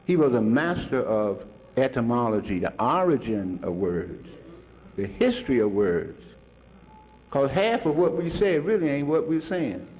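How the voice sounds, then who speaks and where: A man's voice: medium pitch, expressive, measured pace, darkish tone. An older man telling stories to an audience in a colloquial way, chuckling often. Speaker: speaker recalling a mentor. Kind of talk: storytelling talk to an audience.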